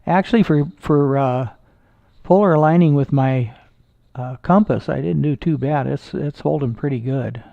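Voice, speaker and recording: Gravelly-voiced man chatting on a live stream. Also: medium pitch, no room sound, phone-quality sound. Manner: relaxed, halting, with many fillers and restarts. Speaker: amateur astronomer streaming live. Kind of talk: casual live-stream chat with viewers. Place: indoors at home.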